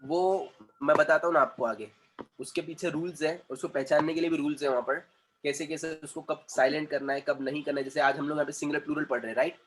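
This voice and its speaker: A man's voice: fairly high pitch, steady tone, fast talker, a bit bright, a little hiss or hum. A man teaching a class as a communication trainer, explaining points at length, repeating himself and checking that the students follow. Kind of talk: classroom lecture.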